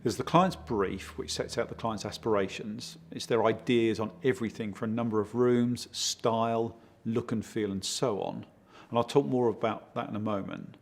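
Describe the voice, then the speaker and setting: Guy consultant answering interview questions, bit husky, measured and clear about his points. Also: on the low side, steady tone. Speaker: project consultant for a home design firm.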